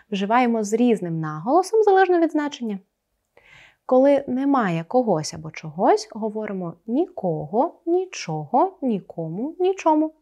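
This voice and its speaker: A woman teaching an online grammar lesson, explaining clearly and stressing each example word. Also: a little high, warm tone.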